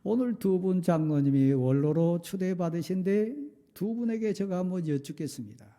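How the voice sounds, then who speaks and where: A middle-aged male pastor preaching a sermon, firing off rhetorical questions and sometimes dropping to a soft confessional tone. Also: sits high, expressive, moderate pace. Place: church sanctuary.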